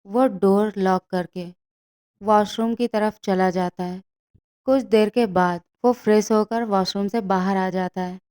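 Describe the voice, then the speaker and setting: A woman narrating a fan fiction story in a steady storytelling manner. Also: medium pitch, measured pace, clear, resonant tone.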